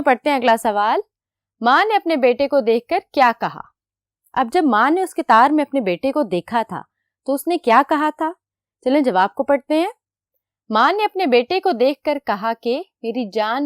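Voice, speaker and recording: A young woman teacher with a fairly high, lively voice that swings up and down as she explains. She patiently puts questions to the children and answers them herself. The recording is close and dry, with no room sound. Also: normal speed, no room sound. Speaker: school teacher. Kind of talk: recorded classroom lecture.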